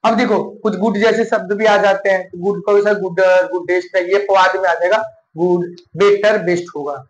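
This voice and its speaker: A man teaching an English grammar live class, slowly repeating each point and asking questions he answers himself. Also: sits high, fairly even intonation, dull audio. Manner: slow and repetitive, asks and answers his own questions. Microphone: live class recording. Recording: echoey room with faint noise.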